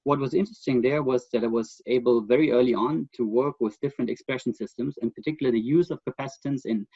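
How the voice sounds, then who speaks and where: A middle-aged man with a German accent is the expert guest in a remote interview, speaking thoughtfully but haltingly, lingering on fillers and restarting sentences. His voice is medium-pitched, mellow and husky, and the audio sounds dull and close, with no room sound.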